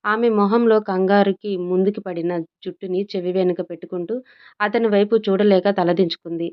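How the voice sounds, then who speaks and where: A woman narrating a romance audiobook in a calm, measured storytelling manner. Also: medium pitch, lo-fi sound.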